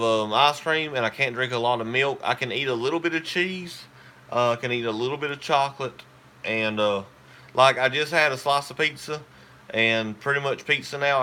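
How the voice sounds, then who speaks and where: A man's voice: mid-range voice, pushed and bright. A man, hosting a casual live stream and chatting with viewers in a rambling, talkative way.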